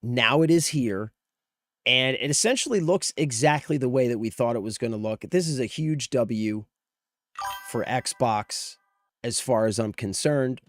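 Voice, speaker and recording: A man with a medium-pitched voice talks unhurriedly to his livestream viewers about gaming news. He's sick, and his informal commentary comes through a voice strained from near loss.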